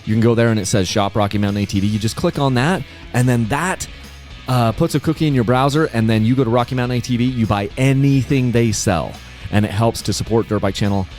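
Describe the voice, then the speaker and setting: A man's voice: medium pitch, fast talker, a little mellow, faint music behind. A man in his forties hosting a podcast, chatting casually and rambling with lots of fillers and restarts. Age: 40s. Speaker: podcast host.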